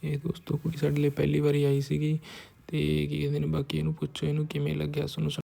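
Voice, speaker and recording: A man's voice: a little high, completely flat delivery, fast talker, creaky, warm tone, faint music behind. A man narrating a behind-the-scenes shoot in casual, rambling chat, often dropping to whispered asides. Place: village house on a film shoot.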